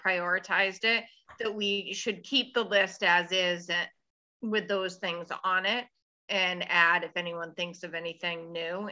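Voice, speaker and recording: Bright-voiced woman with a dull sound. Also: medium pitch. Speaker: commission member. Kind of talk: public meeting discussion.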